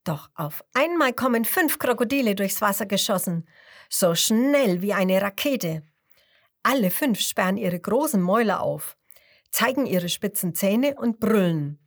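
A woman reading a children's story aloud, taking her time with every phrase. Her pitch moves in a lively, sing-song way, and at tense moments she drops to a soft whisper. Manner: slow, expressive, sometimes dropping to a whisper.

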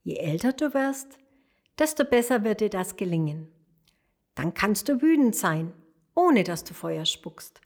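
A woman voicing a gentle, wise mother dragon in a storybook, speaking in a reassuring way. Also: medium pitch, big pitch swings, unhurried.

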